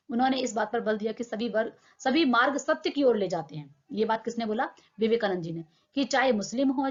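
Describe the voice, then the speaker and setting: A young woman teacher explaining a textbook lesson in plain words, asking her own questions and answering them. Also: a little high. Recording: dull lo-fi sound.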